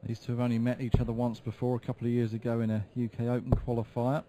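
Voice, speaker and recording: A man giving live darts commentary in a measured, explanatory way. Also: medium pitch, monotone, mellow, a little hiss or hum. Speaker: sports commentator.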